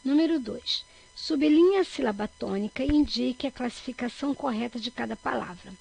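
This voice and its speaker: Gravelly-voiced Brazilian woman teaching children. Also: sits high, moderate pace, rough recording. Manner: stretches key words loudly to stress syllables; checks in with frequent "tá bom?". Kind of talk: recorded grammar lesson for children.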